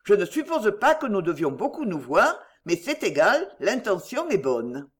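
A narrator voicing a brisk, commanding lady of the house who speaks with matter-of-fact authority, in an audiobook reading. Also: mid-range voice, huge pitch swings, husky.

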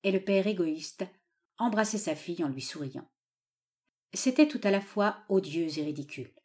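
A woman narrates a classic novel for an audiobook. Her delivery is steady and measured. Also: fairly low pitch.

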